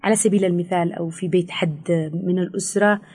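A woman with a Yemeni Arabic accent, a counselor explaining things in an interview, fast with frequent hesitations. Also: lowish voice, steady tone, a little mellow, husky. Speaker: teen counselor. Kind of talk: expert interview answers.

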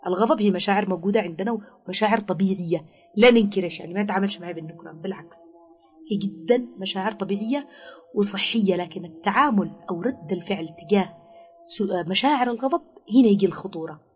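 A woman's voice: mid-range voice, fast, faint music behind. A woman giving parenting advice in an interview, explaining patiently and acting out what parents might say to a child.

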